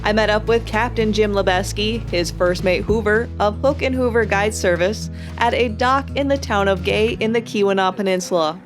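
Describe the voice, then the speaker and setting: A woman narrates an outdoor programme in a scripted documentary style. Her mid-pitched voice sits over clearly heard music. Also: normal speed, few pauses. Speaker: host narrator.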